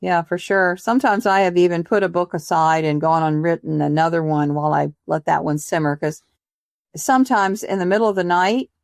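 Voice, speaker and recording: A woman's voice: lowish voice, fairly quick, gravelly, dry recording, clean studio sound. A woman hosting a podcast interview, chatty and encouraging, laughing easily. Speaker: podcast host. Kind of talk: casual interview chat.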